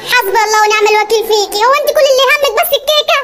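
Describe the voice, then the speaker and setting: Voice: very high-pitched, very fast, fairly bright tone, slight background noise. A voice actor playing an exasperated, grumbling cartoon husband with an Egyptian accent. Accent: Egyptian Arabic. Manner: whiny, exasperated. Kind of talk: comedy cartoon voice acting.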